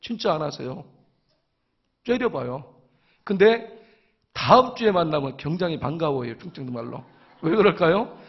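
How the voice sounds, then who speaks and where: Animated Chungcheong-accented man preaching. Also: a little high, normal speed, gravelly, long pauses, slightly rough. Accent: Chungcheong Korean. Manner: animated storytelling, acts out dialogue. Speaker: church elder speaker. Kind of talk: lively church talk with humor. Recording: dull lo-fi recording.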